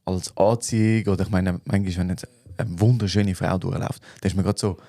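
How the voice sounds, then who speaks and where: A man with a Swiss German accent, co-hosting a podcast, explaining things in a relaxed way with plenty of fillers. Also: deep voice, a little fast, no room sound, studio quality. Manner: relaxed, thinks aloud with fillers. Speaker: podcast co-host. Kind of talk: casual chat.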